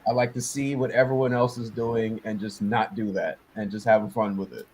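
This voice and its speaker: A man's voice: fairly low pitch, fairly even intonation, moderate pace, darkish tone, slight background noise, rough recording. A man from New York who produces music, talking loosely in a casual interview with lots of fillers and restarts.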